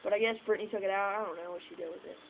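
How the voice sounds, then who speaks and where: This young woman races through her casual vlog chat in a medium-pitched, steady voice, full of fillers and the odd curse. She's outdoors at night by a house porch, filmed on a distant phone camera that captures tinny, noisy sound.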